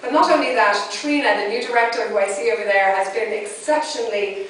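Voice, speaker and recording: A woman's voice: a little high, brisk, fairly bright tone. A woman giving a chatty, self-deprecating thank-you speech to an audience, laughing often. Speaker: arts centre director giving a speech. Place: large echoey room, in front of an audience. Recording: very echoey, distant, faint room noise.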